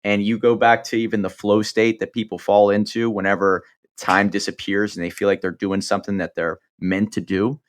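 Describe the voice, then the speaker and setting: A man's voice: fairly low pitch, level tone, normal speed. A man hosting a podcast interview, encouraging his guest and summing up ideas in a friendly, conversational way. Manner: encouraging, sums up and adds ideas. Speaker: podcast host. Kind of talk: interview chat.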